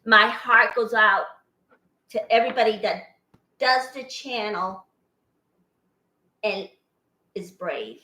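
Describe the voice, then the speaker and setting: A woman's voice: mid-range voice, expressive, slow, pauses often, pushed and bright, reverberant. An older woman born in Boston to an Armenian family, chatting in a rambling way and laughing often as she hosts a cooking vlog in her home kitchen. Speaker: cooking channel host. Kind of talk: casual cooking vlog chat.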